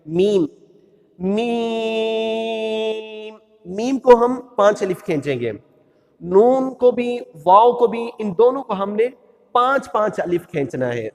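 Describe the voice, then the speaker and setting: High-pitched guy teaching quran letters, slow and patient, stretching the sounds out sung, lots of reverb. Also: very animated, darkish tone. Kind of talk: religious lesson on pronunciation.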